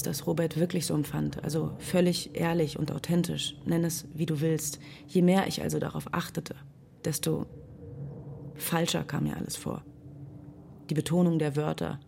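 A woman's voice: deep voice, gravelly, a little hiss or hum. An actress playing Deirdre, a thoughtful young woman narrating a sci-fi radio drama. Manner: quiet, thoughtful, restrained.

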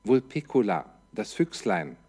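Male teacher, unhurried and methodical, walks through a translation word by word. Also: fairly low pitch, very animated, warm tone, slightly rough. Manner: methodical, poses questions and answers them; parses grammar line by line. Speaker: Latin teacher. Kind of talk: slow step-by-step translation lesson.

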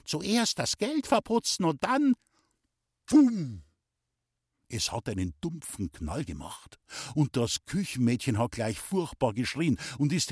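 A man's voice: medium pitch, a little mellow, breathy edge, dry recording, studio quality. A man narrating a story in the first person with a playful, boyish manner and a light tinge. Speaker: audiobook reader.

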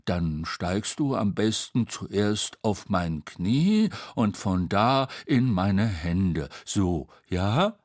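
A man's voice: fairly low pitch, big pitch swings, no echo, clean studio sound, full character voice. A man doing a timid, whiny storybook fellow. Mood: earnest, slow. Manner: slow, hesitant and whiny. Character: timid, fretful male storybook companion. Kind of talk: storybook read-aloud.

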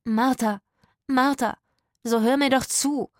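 A desperate man in a storybook quarrel, begging to be heard, his voice pushed up higher and louder than ordinary speech, dry and close, as a woman narrator puts him on. He pleads with urgent insistence. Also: steady tone, slow pace, no room sound. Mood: pleading.

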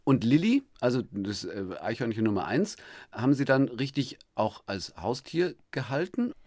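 Lively male radio host. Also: mid-range voice, normal speed, no room sound, studio quality. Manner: lively, teasing questions. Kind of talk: radio interview.

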